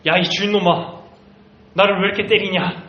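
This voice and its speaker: A man voicing an indignant talking donkey that scolds its master loudly, in a children's Bible story. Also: high voice, sing-song, moderate pace, voice pushed up. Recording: roomy, slightly muffled recording.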